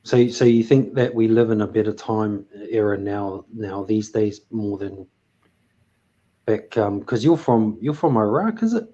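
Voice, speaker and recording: A man's voice: lowish voice, animated, measured pace, dark tone, muffled recording. A man hosting a casual chat, rambling with lots of fillers and restarts. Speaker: host.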